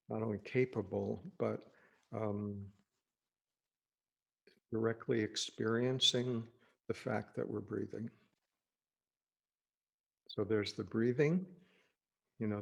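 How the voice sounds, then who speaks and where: A man, acting as a teacher, leads an unscripted guided meditation, speaking gently and reassuringly in halting phrases with pauses. His voice is fairly low, with vocal fry and a breathy edge.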